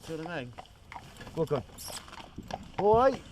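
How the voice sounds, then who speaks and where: A man's voice: a little high, big pitch swings, a little slow, darkish tone. A man, a rag and bone trader chatting casually in plain, colloquial speech outdoors. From southern England. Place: outdoors on a horse-drawn cart in the street. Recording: noisy outdoor street recording.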